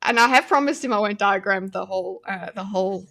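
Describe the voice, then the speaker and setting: A woman hosting a casual interview, talking in a chatty, excitable way and often tripping over her words. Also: medium pitch, brisk. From South Africa. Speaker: interview host.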